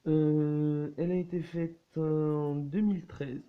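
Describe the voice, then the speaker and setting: A man casually showing his collection in a vlog, halting often with fillers and restarts. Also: fairly high pitch, flat delivery, phone-quality sound. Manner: hesitant, many fillers and restarts.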